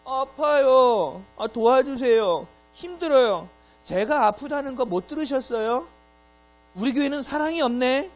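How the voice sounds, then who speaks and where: A man's voice: very high-pitched, animated, measured pace, pitched above the performer's own voice. A man voicing a whiny male church member who pleads for help and complains of no love. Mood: whining. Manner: whining, pleading, self-pitying.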